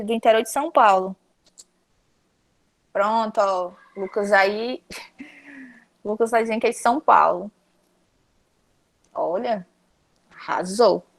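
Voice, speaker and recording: A young woman from Ceará with a Cearense Brazilian accent gives a casual online lesson on a video call. Her voice sits a little high, and she talks to her students in a lively, chatty way, calling them "galera". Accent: Cearense Brazilian Portuguese. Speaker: teacher.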